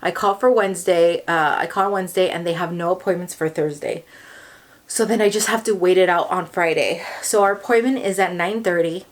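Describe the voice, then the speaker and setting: A woman's voice: fairly low pitch, brisk. A young woman with a Californian accent telling a personal story to the camera, emotional and rambling, with many fillers and restarts. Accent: Californian English. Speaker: vlogger.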